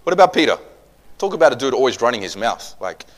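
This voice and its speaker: A man preaching a sermon, animated and joking, swinging between loud bursts and quiet asides. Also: mid-range voice, quick pace.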